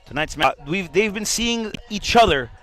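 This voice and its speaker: A man's voice: high voice, animated, moderate pace, sharp tone, soft background music. A man giving live play-by-play commentary on a soccer match for a stream.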